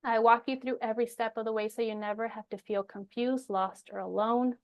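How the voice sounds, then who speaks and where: A woman's voice: fairly high pitch, steady tone, brisk, lo-fi sound. A woman speaking as an energy coach, casually presenting her program in an encouraging, reassuring, informal way with frequent emphasis. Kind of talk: casual, personal program pitch to viewers.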